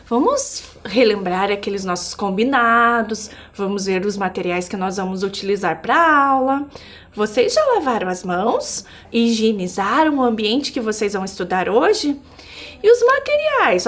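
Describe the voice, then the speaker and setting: High-voiced Brazilian woman teaching children. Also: animated, moderate pace, fairly bright tone. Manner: cheerful kids-show-host address, prompting listeners with questions. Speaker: primary school geography teacher. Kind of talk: remote video lesson for children.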